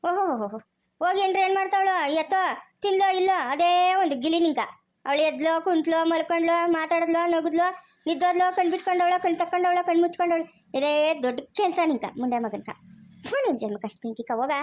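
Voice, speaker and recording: A woman playing a quarrelsome, jealous village housewife who rants and curses nonstop in a comedy skit, with a rural Chikkaballapur Kannada accent. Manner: shrill, rapid, nonstop ranting and cursing. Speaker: actor in a family comedy skit.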